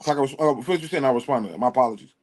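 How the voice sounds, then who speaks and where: A man who joins a live online panel as a guest and argues his side, cutting in often and apologizing along the way. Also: medium pitch. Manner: quick to interject, apologetic, then argumentative. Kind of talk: casual debate on a live panel.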